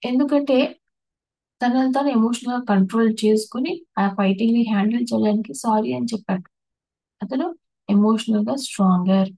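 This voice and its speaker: Woman, meditation teacher, mellow dark tone, dry close sound, patient step-by-step explainer. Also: on the high side, brisk, gravelly, dry recording, rough recording. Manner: explains patiently, lists terms one by one with restarts. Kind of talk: spiritual talk on emotions.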